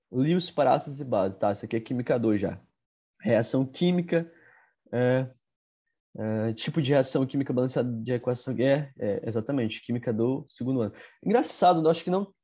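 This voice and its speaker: Husky-voiced man teaching chemistry. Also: mid-range voice, dark tone. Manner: repeats "tudo bem?" after nearly every phrase; halting, with fillers and restarts. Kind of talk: exam-prep lesson.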